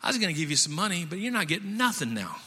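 A man's voice: high-pitched, sing-song, rapid-fire, bright, forceful tone, breathy edge, heavily acted. A man playing a nervous, bossy king who talks in casual, exasperated slang, in a long-reverb hall.

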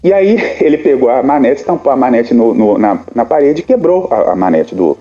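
A man on a podcast telling a family story in casual chat, animated and full of halting restarts. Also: medium pitch, dull audio, faint music behind. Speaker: podcast co-host.

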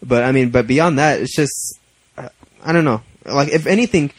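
A man's voice: mid-range voice, normal speed, no echo, rough recording. Dry teasing young man, podcast chat. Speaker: podcast co-host. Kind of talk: casual chat.

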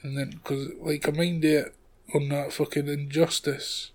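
A man's voice: a little high, little pitch movement, unhurried, darkish tone. A Scottish man chatting casually about films as a podcast co-host, blunt and swearing often. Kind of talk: casual film chat.

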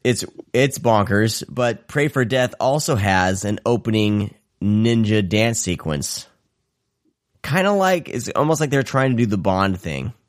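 A man's voice: fairly low pitch, lively intonation, unhurried, no echo, studio quality. A man co-hosting a horror movie podcast over a call, laid-back and joking, swearing casually. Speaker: podcast co-host. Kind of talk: casual chat. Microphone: remote call.

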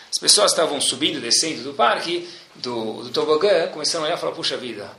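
A man's voice: sits high, roomy sound. A middle-aged man with a Brazilian Portuguese accent tells a story to an audience, calling out to his listeners with asides. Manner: animated, addresses listeners as "pessoal", adds asides.

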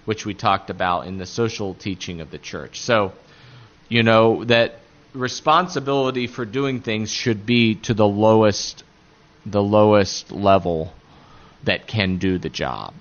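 A man with a fairly low voice and an Appalachian accent teaches catechism. He explains point by point in a halting way, often searching for the next word. The recording is somewhat dull and muffled. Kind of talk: religious lecture, explaining point by point.

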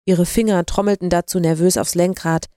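Woman storyteller, low mellow voice, dry close audiobook read. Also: fairly even intonation, fairly quick, dry recording. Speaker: narrator. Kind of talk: audiobook narration.

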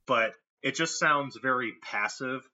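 A man co-hosting a horror film podcast in casual chat, wry and quick to laugh. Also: medium pitch, sharp tone, muffled recording. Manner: wry, laughs often, puts on mock voices. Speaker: podcast co-host.

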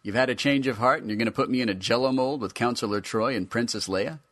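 A man's voice: medium pitch, quick pace, a bit bright, voice pushed up, lightly acted. A man voicing a cranky, smug teenage boy action figure who whines and swears. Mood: cheeky. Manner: whiny, bratty, profane.

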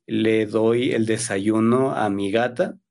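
A man in his thirties from Ecuador, a Spanish teacher, appears as a guest in a conversation for learners, speaking slowly and carefully. He is soft-spoken, uses small fillers, and has a gravelly voice on the low side with fairly even intonation.

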